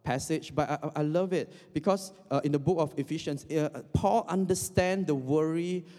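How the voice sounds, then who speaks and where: Heard through a long hall reverb, a young man from Indonesia delivers a relaxed, joking sermon, often restarting and using fillers. He speaks at a moderate pace in a slightly high, mellow voice.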